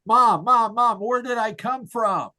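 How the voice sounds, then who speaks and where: A man putting on the voice of an excited seven-year-old boy who shouts his questions. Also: high-pitched, moderate pace, pitched above the performer's own voice. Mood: eager. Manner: shouting, breathless eagerness.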